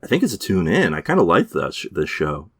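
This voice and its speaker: Reviewing TV shows in a relaxed podcast chat, this male co-host talks a little fast, his low, husky voice fairly bright and swinging hugely in pitch. He hesitates often, piling up fillers and restarting sentences, and there's no echo on the recording.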